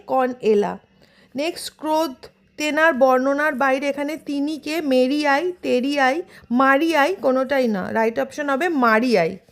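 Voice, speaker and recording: A woman teacher with a Bengali accent from West Bengal, reading out multiple-choice questions and their options, then giving the right answer. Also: high-pitched. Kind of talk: exam revision lesson.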